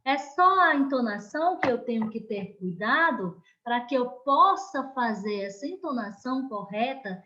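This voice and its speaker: A woman's voice: a little high, fairly bright tone, muffled recording. A woman teacher with a Brazilian Portuguese accent, giving an online lesson to young pupils in a careful, emphatic way. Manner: slow, careful, emphatic classroom delivery.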